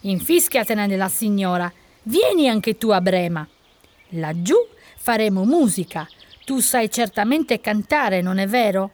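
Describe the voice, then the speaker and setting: Una donna che fa un vecchio asino allegro. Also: female voice, medium pitch, animated, a little slow, a little mellow, close to an everyday voice. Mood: lively. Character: cheerful old male donkey, bold and friendly.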